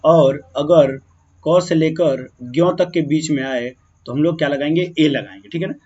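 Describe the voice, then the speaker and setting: A man teaching a grammar lesson, slowing down as he writes words out and often checking that students follow. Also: on the high side, darkish tone, breathy edge. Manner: keeps checking in with "ठीक है ना" and "clear है"; slow, drawn-out when writing words. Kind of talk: grammar lesson explaining on a board. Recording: dull, muffled lo-fi sound.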